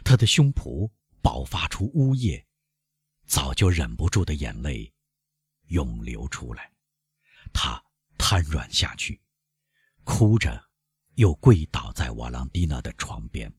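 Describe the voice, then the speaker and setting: A man narrates a classic novel in a deep, husky voice. He reads slowly and lets the pitch swing widely for drama. The sound is dry and close. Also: no echo. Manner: measured, expressive storytelling. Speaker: audiobook narrator. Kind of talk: slow scripted narration.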